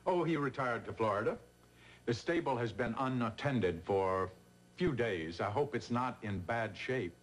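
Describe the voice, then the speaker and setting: A man's voice: medium pitch, animated, normal speed, a little hiss or hum, natural voice. An actor playing a friendly, chatty married man who welcomes guests, in 1980s TV soap acting. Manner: friendly, chatty, laughs easily. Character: genial married host of a large estate.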